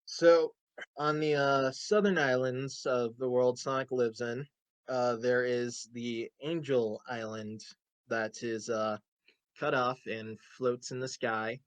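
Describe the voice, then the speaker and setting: A man hosting a casual chat show, explaining game lore in a rambling way full of "uh" and "like". His voice sits at an ordinary pitch and is recorded close and dry, with no room sound. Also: steady tone, slow pace, clear, resonant tone, dry recording. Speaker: host.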